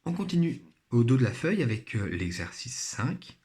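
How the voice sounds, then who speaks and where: A man's voice: medium pitch, very animated, normal speed, darkish tone. A man teaching a primary phonics lesson, speaking patiently and spelling out each sound and syllable carefully. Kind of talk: recorded remote phonics lesson.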